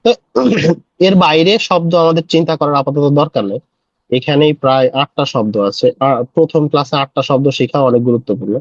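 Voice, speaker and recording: A man teaching a casual Arabic lesson, patiently explaining and repeating words slowly. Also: on the high side, no room sound, lo-fi sound. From Bangladesh. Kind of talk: casual spoken language lesson.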